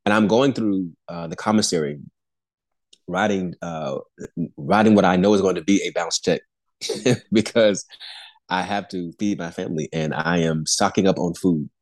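A man's voice: low-pitched, steady tone, moderate pace, dry recording. A man in his forties, a pastor and airman, sharing an earnest faith testimony in a podcast conversation, often restarting and repeating words with small chuckles. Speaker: pastor and Air Force airman, podcast guest.

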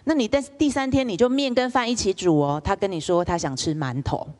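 A woman's voice: medium pitch, brisk. A woman lecturer, telling stories in a public lecture and asking the audience questions. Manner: lively storyteller, asks the audience rhetorical questions.

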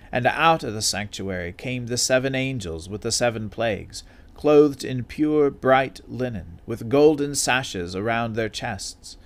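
Guy reading scripture at evening service, slow solemn formal, mid-pitched voice. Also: darkish tone. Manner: measured, solemn, formal delivery. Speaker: scripture reader and officiant.

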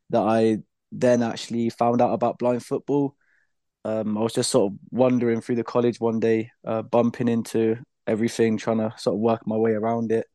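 A young man with a British accent, chatting casually as a podcast guest, relaxed, with easy laughs and loose fillers. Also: medium pitch, no echo. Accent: British English. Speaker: podcast guest, blind footballer. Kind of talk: casual interview chat.

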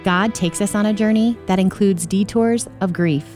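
Earnest woman narrating over soft music. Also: mid-range voice, normal speed. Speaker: radio ministry host. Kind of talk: scripted narration.

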